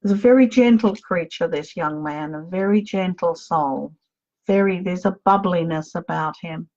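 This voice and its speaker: A woman acting as a psychic medium, giving an emotional live reading and tenderly calling her listener darling. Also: on the low side. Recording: dull lo-fi sound.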